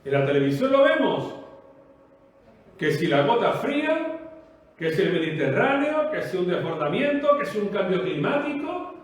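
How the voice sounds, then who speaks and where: A man preaches in a Spanish-from-Spain accent, his voice pitched high and driving. He stacks rhetorical questions and repeated phrases in a forceful cadence. The sound is distant and heavily echoing, as if caught from across a bare room. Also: sing-song, normal speed. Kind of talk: sermon. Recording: echoey room, voice off-mic.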